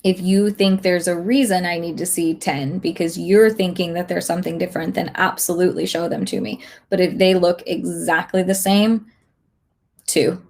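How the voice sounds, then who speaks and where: Slightly hoarse woman with a gravelly edge. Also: lowish voice, normal speed. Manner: relaxed, thinking aloud with many fillers. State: slightly hoarse, losing her voice. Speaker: online instructor. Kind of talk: casual livestream chat.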